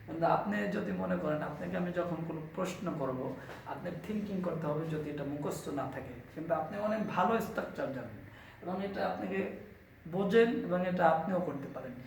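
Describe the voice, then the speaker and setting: A man with a Bangladeshi accent giving an English grammar lesson, slowly repeating each phrase and pairing it with its meaning. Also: fairly high pitch, animated, vocal fry, a little hiss or hum. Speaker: English teacher. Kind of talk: classroom-style grammar lesson. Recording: echoey room, voice from a distance.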